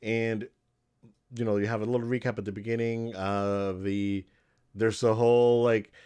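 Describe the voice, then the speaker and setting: Low-voiced man rambling excitedly. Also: normal speed, clean tone. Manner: rambling, enthusiastic, many restarts. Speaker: podcast co-host. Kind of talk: casual chat about movies.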